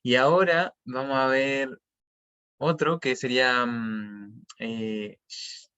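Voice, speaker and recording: A man's voice: mid-range voice, steady tone, slow, sharp tone, clean tone, highs cut off. A man teaching an online language class, explaining patiently and checking often that students follow.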